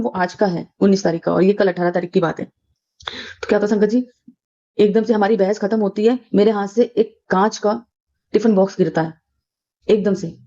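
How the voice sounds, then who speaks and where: On a dull lo-fi recording, a middle-aged woman with a warm, medium-pitched voice tells a casual devotional testimony. She chats loosely, with many fillers and restarts, speaking to her listeners as sangat ji.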